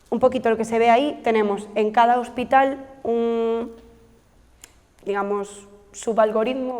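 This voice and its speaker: Presenting her project to trainees, a woman researcher describes the technical work with many fillers and corrections of herself. Her voice is fairly high and a little mellow, heard through long hall reverb.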